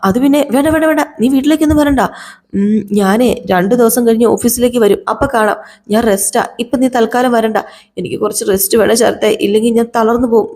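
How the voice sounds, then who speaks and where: A shifty, evasive man from a TV serial, as a woman puts him on, turning nervous and hurried when he wants to keep a visitor away. His voice jumps higher when he is cornered. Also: darkish tone, natural voice. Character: man, evasive brother-in-law feigning illness.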